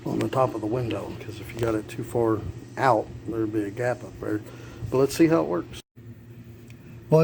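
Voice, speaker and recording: A man talking casually and plainly, thinking aloud as he narrates a hands-on repair. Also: mid-range voice. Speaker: amateur car repair vlogger. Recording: clear background noise, vehicle ambience.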